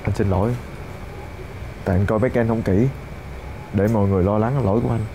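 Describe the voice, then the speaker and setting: A man's voice: fairly low pitch, steady tone, fast, background noise, lightly acted. An actor playing a guilty, apologetic man who lost track of a child. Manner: apologetic, contrite. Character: guilty, apologetic young uncle figure. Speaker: actor in a TV family drama. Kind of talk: television drama acting.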